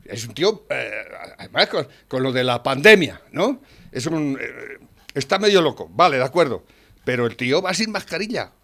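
Man, Spanish accent, blunt swearing rant in casual talk, rises to near shouting. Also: mid-range voice, big pitch swings, moderate pace, gravelly. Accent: Spanish from Spain. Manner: blunt, swears freely, rants loudly with frequent "¿eh?". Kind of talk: casual political chat.

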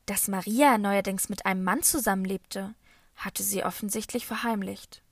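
A woman reading a children's novel as first-person scripted narration, in a calm storytelling manner. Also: medium pitch, normal speed, no room sound, studio quality. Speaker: audiobook reader.

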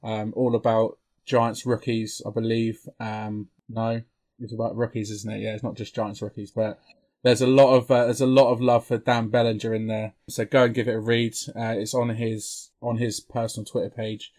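A man's voice: fairly low pitch, little pitch movement, moderate pace, darkish tone. A British man hosting a sports podcast in a chatty, informal way. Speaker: main podcast host. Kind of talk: casual sports podcast chat.

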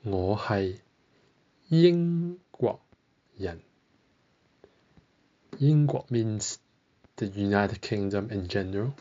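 A man's voice: fairly low pitch, slow pace, long pauses, warm tone, lo-fi sound. A man teaching a podcast language lesson, carefully modelling each phrase and repeating it.

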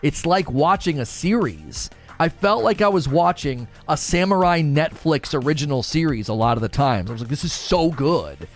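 Reading viewer comments on a casual livestream talk show, a man chats with rambling enthusiasm and repeats himself often. His voice is on the high side and expressive, at normal speed, with faint music behind him.

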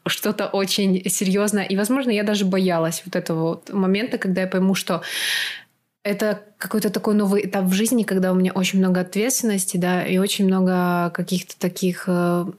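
A woman hosting an interview podcast, asking reflective questions and humming along softly while her guest talks. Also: medium pitch, little pitch movement, a little fast. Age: adult over twenties. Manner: reflective, frequent soft backchannel hums. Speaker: podcast host.

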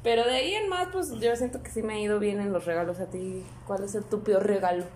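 A woman's voice: medium pitch, fast, a little mellow, a little hiss or hum. A woman with a Mexican accent chatting casually on a podcast, joking around in heavy slang. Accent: Mexican Spanish. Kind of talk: casual chat.

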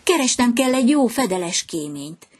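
A woman's voice: a little high, big pitch swings, husky, voice pushed up. A woman voicing a fussy little swallow. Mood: grumbling. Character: chatty fickle young male swallow.

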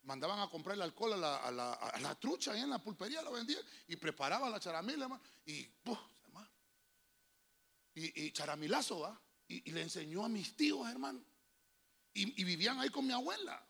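Honduran pastor, gravelly and lively. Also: male voice, high-pitched, fairly quick. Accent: Honduran Spanish. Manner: folksy storytelling, constant "hermano", rising to shouted preaching. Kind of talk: sermon with personal anecdotes. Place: church.

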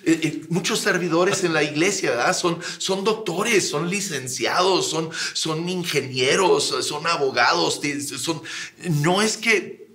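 A man with a bright, forceful voice talks like a pastor preaching in conversation. He is animated, acts out the people he quotes, and now and then barks out a drill command. His pitch sits a little high for a man. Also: unhurried.

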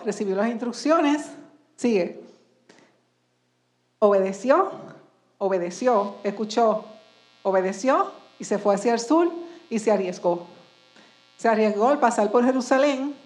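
Woman preacher, slightly high voice, questioning, reverberant church hall. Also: darkish tone. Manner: asks the congregation many rhetorical questions. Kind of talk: sermon.

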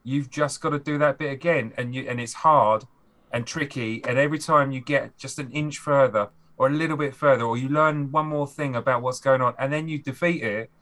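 A man's voice: medium pitch, steady tone, a little fast, fairly bright tone. A man, a game designer guest on a podcast, talking animatedly and acting out players' reactions. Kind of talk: podcast conversation.

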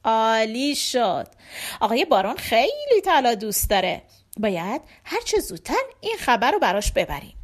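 Woman putting on a sly flattering crook. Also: fairly high pitch. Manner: fawning, sly. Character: wicked flattering adult man.

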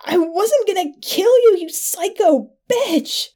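A woman reading the part of a resentful young man in a dark sci-fi audio story, who ends up screaming in pain. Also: mid-range voice, animated, normal speed, natural voice. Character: hurt, bitter young man, coworker turned victim.

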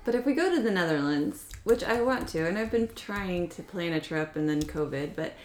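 A woman's voice: on the low side, expressive, a little fast, darkish tone. A woman co-hosting a podcast in casual chat, dry and sarcastic, steering the conversation. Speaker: podcast co-host. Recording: echoey room with faint noise.

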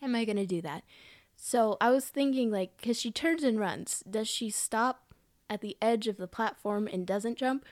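Lively young woman chatting on a podcast. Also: fairly high pitch, normal speed, no room sound, clean studio sound. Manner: animated, acts out character lines with laughs. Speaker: podcast co-host. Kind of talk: casual review chat.

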